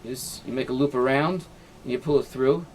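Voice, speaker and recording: In an informal halacha lesson for a small class, a rabbi shows knots with his hands while explaining each step. His middle-pitched voice moves a little fast, he keeps checking in with "right?", and he works Hebrew and Yiddish terms into his English. A faint hiss sits behind him.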